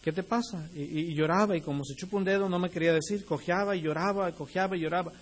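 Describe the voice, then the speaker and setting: A man's voice: high-pitched, quick pace. A young adult male pastor preaching a sermon, speaking directly to the congregation and rising into emphatic bursts.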